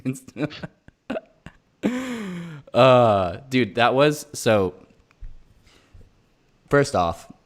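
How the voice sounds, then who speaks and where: A man's voice: medium pitch, wildly swooping pitch, drawn-out words, long pauses. A man hosting a casual interview, enthusiastic, laughing a lot and saying "like" often. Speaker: interview host.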